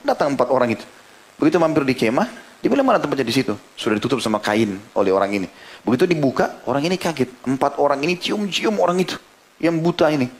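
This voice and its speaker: A man preaching a sermon, telling a story and acting out its people with sudden jumps up in pitch. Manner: animated storyteller, voices the people in the tale with sudden high pitch.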